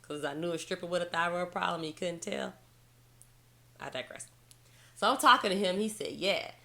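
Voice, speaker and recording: A young woman, telling a story to camera in an animated, laughing way. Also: moderate pace, creaky. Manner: animated, laughs often, quotes herself in high excited voice. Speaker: vlogger.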